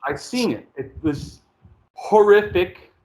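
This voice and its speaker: A man hosting a casual conversation, explaining at length in a rambling, animated way and swearing freely. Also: high voice, slow pace. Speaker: podcast host.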